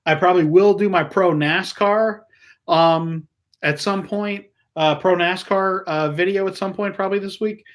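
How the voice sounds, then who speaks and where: Man, live stream host, loose rambling chat, voice sits a touch high. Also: steady tone, normal speed. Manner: chatty, rambling, reads out viewer comments.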